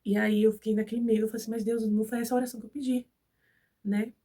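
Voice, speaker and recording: A young Brazilian vlogger with a cold chats rapidly to her viewers, her slightly high, mellow voice showing little pitch movement and sounding far from the mic. Speaking with a Brazilian Portuguese accent, she tells a personal story and acts out the dialogue of who said what.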